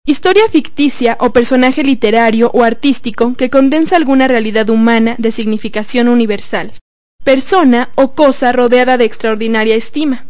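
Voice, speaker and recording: Female reader for definitions, a bit high, dry close recording. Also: moderate pace, a little mellow, no room sound. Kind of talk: reading dictionary definitions.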